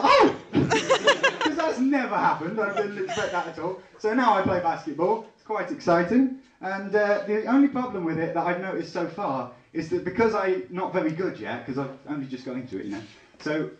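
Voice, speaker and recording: Lively high-voiced comedian with a Leicester accent. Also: male voice, a little fast, recorded from a distance. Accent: Leicester with a Liverpool tinge. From England. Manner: chatty, bantering with the crowd, bursts into excited yelps. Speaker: stand-up comedian. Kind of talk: stand-up comedy routine. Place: small theatre lounge with a live audience. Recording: echoey room, recorded from afar.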